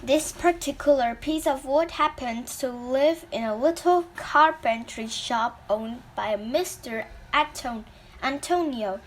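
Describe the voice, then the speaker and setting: A woman reading a children's storybook aloud in a slow, deliberate way with small slips and restarts. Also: high-pitched, a bit bright, a little hiss or hum.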